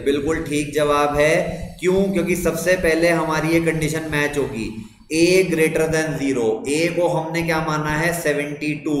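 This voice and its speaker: Indian-accented young man, live class teacher, slightly high voice, echoey room, faint noise. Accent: Indian English. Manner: asks students questions and repeats them, praising answers. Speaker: computer science teacher. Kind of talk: live online class lecture.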